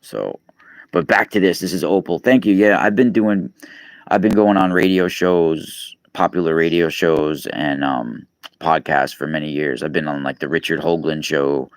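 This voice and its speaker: There's no room sound around this man's bass voice as he chats on a live stream. Rambling, with plenty of fillers and restarts, he's a 40-something podcast host and radio guest based in New York on the East Coast.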